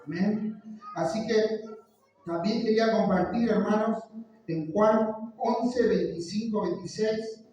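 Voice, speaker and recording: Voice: medium pitch, slow pace, dark tone. A preacher with a Rioplatense Spanish accent, delivering an impassioned sermon and acting out the voices he quotes. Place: church. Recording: very echoey church hall, voice from far off.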